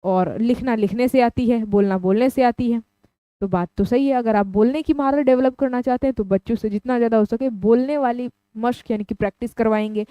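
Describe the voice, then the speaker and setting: A woman's voice: on the high side, fairly quick, clear, resonant tone, no echo, muffled recording. A woman teaching an exam-prep lecture, explaining each term and repeating it in plain words. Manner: explanatory, repeats terms in several languages.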